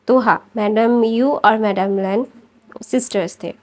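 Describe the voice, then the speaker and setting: A woman's voice: on the high side, fairly even intonation. A woman casually narrating a story, rambling with fillers and frequent self-corrections.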